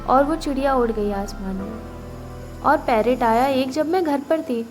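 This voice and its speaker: A woman's voice: sits high, unhurried. A young woman narrating her own reflective story in first person, voicing the other characters in her own voice. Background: faint music.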